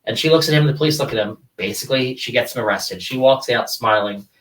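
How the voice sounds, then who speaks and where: A man co-hosting a podcast, animatedly retelling TV scenes in casual chat. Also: fast. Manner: animated storyteller, jumps in pitch when retelling scenes. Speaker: podcast co-host. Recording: distant from the mic.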